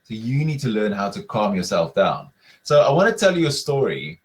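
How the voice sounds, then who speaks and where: A man's voice: fairly low pitch, sing-song, moderate pace, low-quality recording. A man presenting a webinar in a conversational way, often using filler words and asking rhetorical questions. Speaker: webinar speaker.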